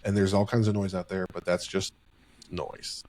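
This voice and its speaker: Man, podcast co-host, earnest, reflective, mellow low voice, dry close mic. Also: flat delivery, moderate pace, no echo. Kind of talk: casual podcast chat. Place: home office.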